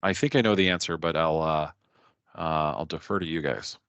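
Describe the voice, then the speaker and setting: Low-voiced guy hosting a webinar, smooth clear tone, lots of ums and right?s, dry sound. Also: moderate pace, fairly bright tone, dry recording, dull audio. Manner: hesitant, lots of fillers and "right?" tags. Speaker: webinar host. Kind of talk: casual webinar chat.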